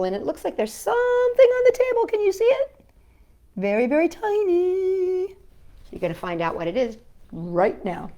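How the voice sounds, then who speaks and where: A woman with a high-sitting voice hosts a children's storytime, reading picture books aloud in a gentle, sing-song way. She also sings a call-and-response song with a puppet.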